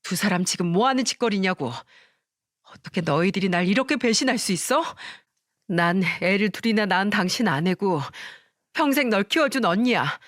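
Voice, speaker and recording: A woman's voice: expressive, normal speed, no room sound, clean studio sound, lightly acted. Woman playing a furious betrayed wife. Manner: shouting accusations, shrill and bitter. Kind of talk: dramatized story reading.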